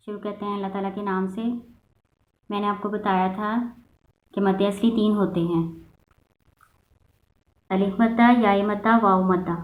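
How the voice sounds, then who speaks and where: Female recitation teacher, patient and methodical, tinny roomy recording. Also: medium pitch. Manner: patient, slows down to sound out examples. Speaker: Quran reading teacher. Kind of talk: step-by-step recitation lesson. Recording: echoey, phone-like lo-fi sound.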